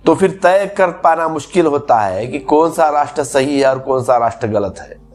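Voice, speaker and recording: A man's voice: on the high side, animated, normal speed, faint music behind. A man giving a spiritual discourse as a teacher, explaining patiently through repeated everyday examples.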